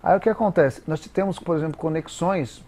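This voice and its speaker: A Brazilian man with a Brazilian Portuguese accent, a guest explaining English pronunciation in a didactic, halting way with many repeated words. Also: on the high side, mellow. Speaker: interview guest, English teacher. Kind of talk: explanatory interview talk.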